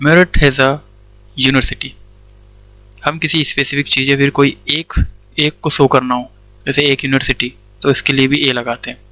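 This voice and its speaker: Bright-voiced man teaching grammar. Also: medium pitch, flat delivery, normal speed, dry recording, poor audio. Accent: Indian English. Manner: explains step by step, asks questions and answers them himself, says "theek hai" often. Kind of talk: Hindi-English classroom lecture.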